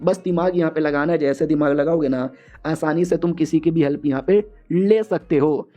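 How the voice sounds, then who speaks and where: A man's voice: on the high side, normal speed, dark tone, natural voice. A man voicing a confident, bossy young male martial arts hero in a casual, commanding tone. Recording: muffled lo-fi audio.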